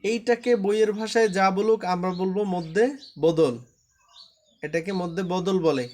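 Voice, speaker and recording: A man's voice: high voice, steady tone, normal speed, a little mellow. A man with a Bangladeshi Bengali accent teaching Quran reading in an online class, patiently repeating rules in a chanting drill for students to copy.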